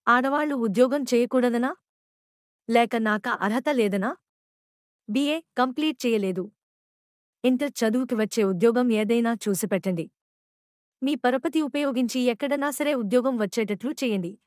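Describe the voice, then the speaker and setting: A woman's voice: a little high, normal speed, long pauses, no echo, studio quality, close to an everyday voice. A woman voicing a desperate, unhappy young wife, emotional and bitter, in a storybook reading. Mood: insistent.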